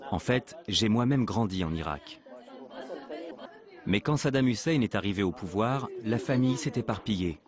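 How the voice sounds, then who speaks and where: A man dubbing a physics professor who presents a documentary, narrating in a calm, measured way. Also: on the low side, crowd noise, natural voice. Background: music.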